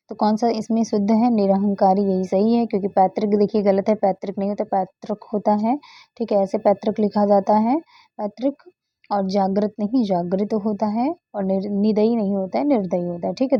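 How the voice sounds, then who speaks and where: A woman's voice: medium pitch, dry recording, muffled recording. A woman tutor going through exam questions one by one, repeating key answers patiently and moving on with short fillers. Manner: frequent "ठीक है" and "okay, next है" fillers.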